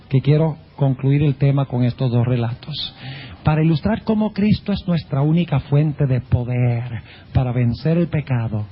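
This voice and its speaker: A male preacher delivers an emphatic sermon, stretching key words and asking the congregation rhetorical questions. His voice is high and husky. The recording is dull and lo-fi.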